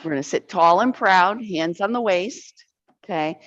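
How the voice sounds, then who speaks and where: A woman's voice: fairly low pitch, measured pace, fairly bright tone, no echo, dull audio. A woman instructor leading an arthritis exercise class, counting reps aloud and encouraging the group.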